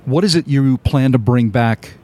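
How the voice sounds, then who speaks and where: A man interviewing a guest in a relaxed, joking, chatty way. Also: medium pitch, moderate pace. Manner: jokey, chatty. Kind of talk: conversational interview.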